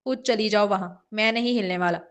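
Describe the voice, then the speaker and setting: A woman's voice: medium pitch, lightly acted. A woman reader puts on a sulky young husband who is feverish and stubborn. He grumbles his lines with wounded pride, as part of a storybook reading. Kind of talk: audiobook character reading.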